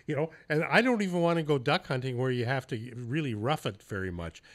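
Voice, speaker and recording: A podcast host with a medium-pitched, lively, brisk voice tells hunting stories in casual interview chat. His delivery is loose and profane, dotted with the odd curse and laugh.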